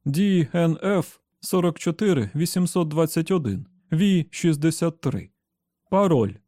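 A man's voice: fairly high pitch, normal speed, dark tone, no echo, studio quality, voice pushed up, close to an everyday voice. A man voicing a tense young man who speaks in urgent, raised, clipped bursts.

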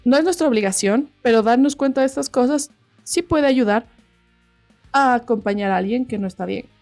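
A woman's voice: on the high side, fairly quick, a little mellow, faint music behind. A woman co-hosting a podcast, chatting casually over a video call and rambling with many restarts. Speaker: podcast co-host. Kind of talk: casual chat.

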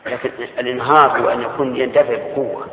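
An older man lectures to his students on Islamic law, measured and explanatory, pausing to take their questions. His voice sits at an ordinary pitch for a man. It comes through a tinny, phone-like old recording with the long echo of a large hall. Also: steady tone, slight background noise. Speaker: Islamic scholar teaching a class.

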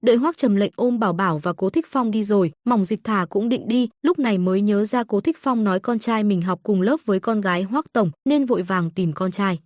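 A woman narrating a comic story in an even, steady reading. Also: mid-range voice, fairly quick, hardly any pauses, no room sound, clean studio sound.

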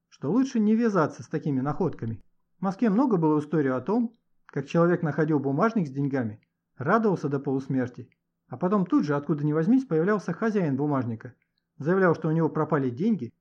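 Male narrator, scripted storybook reading, slightly high voice, muffled lo-fi recording. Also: husky. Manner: expressive, story-telling. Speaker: audiobook narrator. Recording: dull lo-fi recording.

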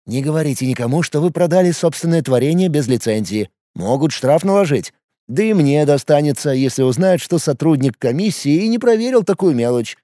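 Brief: friendly talkative clerk for an audiobook, higher bright-eyed voice, read by a man. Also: animated, fairly quick, few pauses, dry recording, studio quality, lightly acted. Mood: hushed. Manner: eager, then hushed half-whisper. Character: chatty male office clerk, friendly and nervous. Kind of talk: audiobook character voice.

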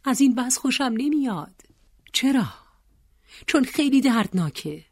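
A woman doing an anguished young woman, high and pleading. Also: expressive, slightly rough, no room sound, studio quality, exaggerated voice. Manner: raised, pleading, insistent.

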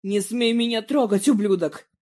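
A reader voicing a proud, sharp-tongued young woman who yells accusations in a story reading. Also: mid-range voice, normal speed, close to an everyday voice. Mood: furious. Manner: shouting, accusing.

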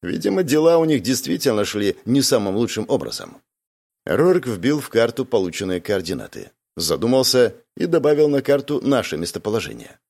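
A man's voice: medium pitch, very animated, brisk, gravelly, a little mellow. A man reading an audiobook aloud as a first-person narrator. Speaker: audiobook reader.

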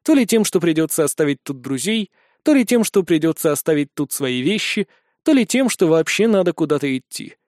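A man tells a story in the first person with lively, expressive narration. His voice sits fairly high. The recording is close and dry, with no room sound. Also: brisk, no echo. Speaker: audiobook narrator.

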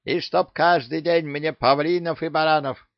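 Yaga, a shrill brash parrot. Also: male voice, expressive, measured pace, creaky, no room sound, dull audio. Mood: bossy shouting. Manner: shrill, cocky, bossy shouting. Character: cheeky brash male parrot, boastful bully.

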